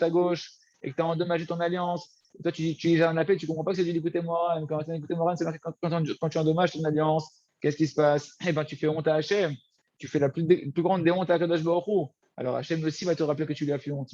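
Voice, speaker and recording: A man teaching a Torah lesson, lively and repetitive, often addressing his listeners as friends. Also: fairly high pitch, lo-fi sound. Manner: animated, repeats words, addresses listeners as friends. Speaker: rabbi teaching.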